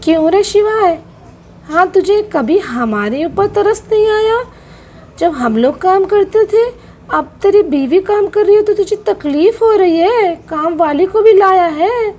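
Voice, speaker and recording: A woman's voice: steady tone, a little slow, a little mellow. A woman voicing a bitter, dramatic middle-aged aunt who scolds and wails in a doll-play soap drama. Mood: complaining. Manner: shrill, wailing complaints.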